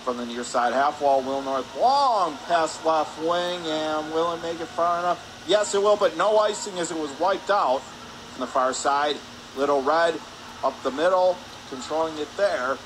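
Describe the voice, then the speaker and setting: Calling an ice hockey game live for radio from an indoor arena, this man uses a fairly high voice at an unhurried pace. His play-by-play comes in clipped, punchy bursts over loud crowd noise.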